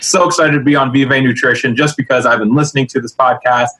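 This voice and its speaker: A man from the United States, an energetic and jokey sports dietitian co-hosting a casual podcast chat. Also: medium pitch, quick pace, poor audio. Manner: energetic, jokey, laughs often.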